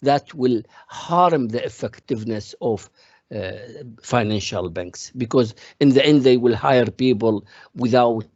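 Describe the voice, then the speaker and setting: A man's voice: medium pitch, a little mellow, no echo, muffled recording. A man from Iraq, giving a classroom economics lecture and explaining each point step by step with examples. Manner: explains step by step through worked examples, calls on students.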